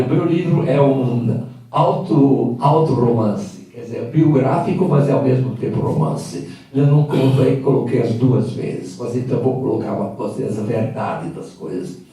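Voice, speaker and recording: Here an older man from Hungary, a Hungarian native speaker, gives a storytelling talk as a guest at an event hall. The voice is mid-range and dark-toned. He sounds reflective and halting, leaning on fillers, and the distant mic leaves the room echoey.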